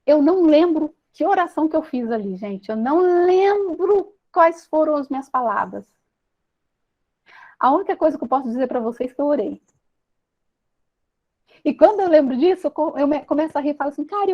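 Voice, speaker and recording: A Brazilian woman giving a personal, earnest teaching talk to an audience, opening up about her own fears with restarts and soft pauses. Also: sits high, animated, muffled recording. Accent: Brazilian Portuguese. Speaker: speaker of a self-help talk.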